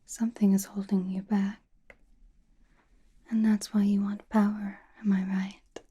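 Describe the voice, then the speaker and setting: A woman acts out a mysterious, confident witch telling fortunes in an ASMR roleplay. The voice is a very breathy, airy whisper, slow and even. It lingers in thoughtful pauses and stays soothing throughout. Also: mid-range voice. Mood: musing, intimate.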